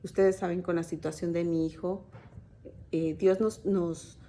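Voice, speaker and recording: With a mellow, lowish voice and fairly even intonation, a woman who teaches the Bible to church women delivers a measured, informal sermon. She tells stories to her sisters in faith in a conversational way, hesitating often with fillers and restarts.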